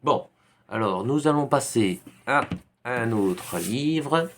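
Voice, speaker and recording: A man's voice: mid-range voice, animated, takes it slowly, a bit bright, a little hiss or hum. A man from Belgium with a Belgian French accent, casually recommending books with a rambling manner and many hesitations. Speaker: YouTuber reviewing books.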